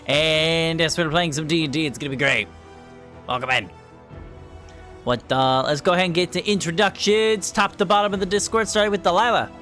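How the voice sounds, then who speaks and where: A man's voice: on the high side, fairly even intonation, fairly quick, a bit bright, faint music behind. A man hosting a tabletop game livestream as dungeon master, with a playful, theatrical way of talking. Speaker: dungeon master and stream host. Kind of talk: livestream hosting, casual chat.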